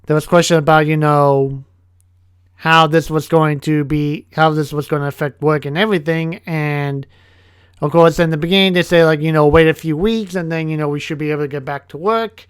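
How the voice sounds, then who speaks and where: Man, young adult, casual vlog narration, slightly high voice, smooth and dry, halting restarts. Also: fairly even intonation, no echo. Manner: halting, with many restarts and fillers. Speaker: vlogger, English teacher.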